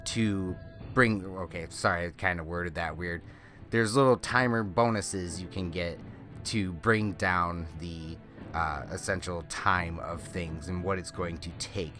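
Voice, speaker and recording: A man with a deep, slightly bright voice hosts a video game walkthrough, sounding nasal and congested from a lingering cold. His explanations ramble casually and he keeps correcting himself, with faint music playing.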